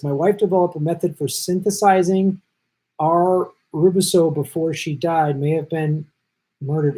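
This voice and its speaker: On a low-quality recording, a middle-aged man with a mellow, slightly high voice runs a live stream. Jet-lagged and losing his voice, he stays chatty, reading viewer comments, thanking people by name, and making quick side remarks.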